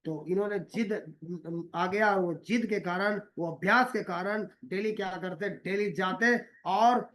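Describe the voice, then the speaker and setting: A man delivers a motivational talk in a notably high voice. He circles back over his own phrases and pauses on filler sounds. He keeps addressing his listeners fondly as "my dear". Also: a bit bright. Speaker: motivational speaker.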